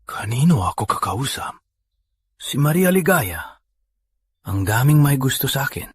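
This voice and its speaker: A man's voice: medium pitch, very animated, a little slow, husky. An actor dubbing a stern male boss who gives curt orders in a drama. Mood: demanding. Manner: commanding, curt. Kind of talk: dubbed drama acting.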